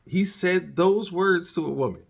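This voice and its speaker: A man's voice: high-pitched, measured pace, creaky. A man hosting a solo commentary show, talking in an earnest, preachy way and often repeating and restarting his words. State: dry mouth, has candy in his mouth. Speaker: podcast host.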